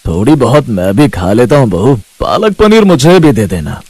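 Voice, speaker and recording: A man's voice: mid-range voice, sing-song, normal speed, darkish tone, slightly rough. A man voicing a kindly, easygoing father-in-law in a cartoon. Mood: pleased.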